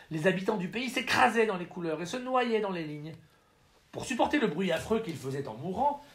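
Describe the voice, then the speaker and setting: A man narrating a novel as an audiobook reader, telling the story in an expressive, ironic manner. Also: a little high.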